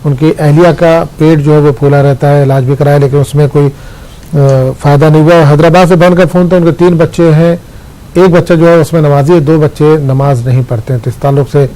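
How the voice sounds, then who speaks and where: A man hosting a television call-in show, greeting callers politely and briskly repeating their details before passing their questions on. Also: a little high, fairly even intonation, warm tone, rough recording. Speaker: host of a call-in religious show.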